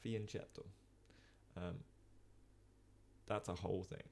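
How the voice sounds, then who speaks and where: A young man giving casual live-stream chess commentary, chatting with viewers and filling pauses with ums and uhs. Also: low voice, expressive, vocal fry, a little mellow. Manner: chatty, many ums and uhs, reads chat.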